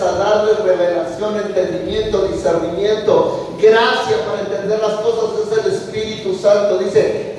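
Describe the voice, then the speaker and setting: A man's voice: high voice, a little mellow, slight background noise. A man preaching a sermon as pastor, with emphatic rising and falling delivery, recorded from a distance in a large church hall. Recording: echoey hall heard from a distance.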